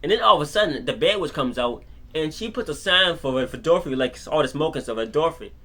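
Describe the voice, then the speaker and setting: In an off-the-cuff, casual movie review, a fast-talking man with a voice on the high side rambles excitedly and repeats words often as he recounts scenes.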